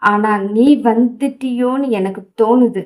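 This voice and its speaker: A woman's voice: fairly high pitch, unhurried, natural voice. A woman voicing a hurt, angry young husband who scolds bitterly. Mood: tender confession.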